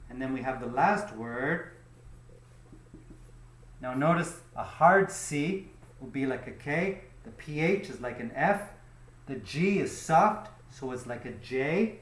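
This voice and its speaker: Slow, patient man teaching pronunciation. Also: a little high, reverberant. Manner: checks in with frequent "okay?"; slow and deliberate, stretching example words. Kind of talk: slow, patient spoken lesson.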